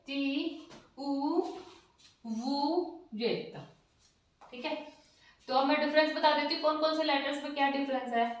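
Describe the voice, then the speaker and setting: A high-voiced woman gives a slow, patient lesson, sounding out each letter and checking that her learners follow along. She is heard from a distance in a strongly echoing room. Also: fairly bright tone. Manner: patient, spells letters one by one, often says "theek hai". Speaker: language teacher. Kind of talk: slow step-by-step alphabet lesson. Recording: very echoey room, distant mic.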